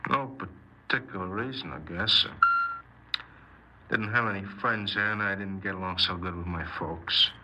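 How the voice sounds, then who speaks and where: A low-pitched, natural male voice at a moderate pace belongs to an actor voicing a sullen young adult with no direction. He admits to his crimes in a hesitant, subdued, offhand way, 1950s radio drama style, and the old broadcast recording is noisy.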